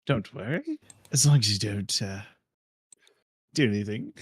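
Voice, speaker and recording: A man playing a tabletop role-play game in character, slow and laughing, with sudden swearing. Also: lowish voice, sing-song, husky, dry recording, studio quality.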